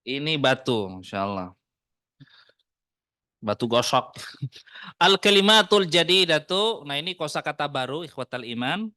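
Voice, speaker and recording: A man with an Indonesian accent teaches an Arabic class in a mosque study room, casually mixing Arabic phrases into relaxed Indonesian and adding joking asides. His voice is on the high side, clear and resonant, with studio-quality sound and no room noise.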